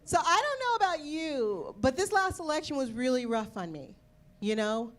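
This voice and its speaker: High-pitched woman stand-up, wry punchy comic timing. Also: sing-song, normal speed, noisy background. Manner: wry, punchy delivery with laughs. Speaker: stand-up comedian. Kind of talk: stand-up comedy set. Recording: played clip of a stage show.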